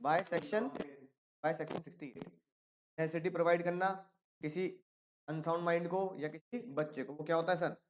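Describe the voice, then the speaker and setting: A man's voice: a little high, steady tone, moderate pace, long pauses. Storytelling male law teacher. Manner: storytelling, acts out characters in quotes, asks class questions. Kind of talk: classroom law lecture.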